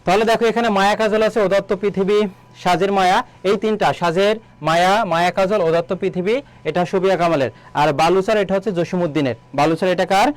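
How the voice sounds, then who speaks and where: A man teaching an online exam-prep lesson, asking students questions, answering them himself and repeating key words slowly. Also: high-pitched, steady tone. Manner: quizzes students, then answers his own questions. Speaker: admission exam tutor.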